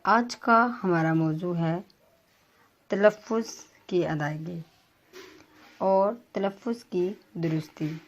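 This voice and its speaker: A woman teacher giving a pronunciation lesson to students, reading words slowly and spelling out their vowel marks with frequent hesitations. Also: fairly low pitch, highs cut off. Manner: careful, formal delivery with frequent hesitations. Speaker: Urdu teacher.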